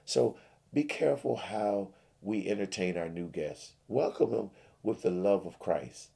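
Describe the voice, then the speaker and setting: A man with a very low voice, full of gravelly fry and a husky texture. He speaks calmly in a pleading, preacher-like cadence as he gives advice to churchgoers. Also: measured pace. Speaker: comedy sketch host giving church advice. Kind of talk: comedic sketch, then preachy advice.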